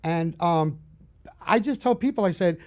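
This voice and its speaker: A man in his fifties with a thick Bronx accent, talking in a slightly raised voice. He spins anecdotes in a loose, animated way, restarting sentences as he goes. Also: high-pitched, a little slow. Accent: New York (Bronx). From the Bronx, New York. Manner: storytelling, animated, restarts often. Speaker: horror film director. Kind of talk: casual interview chat.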